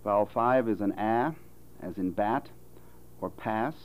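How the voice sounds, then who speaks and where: Low-voiced American man demonstrating vowels. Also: rough recording. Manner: slow, careful, measured delivery with deliberate example words. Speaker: phonetics instructor. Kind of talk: recorded vowel demonstration lecture.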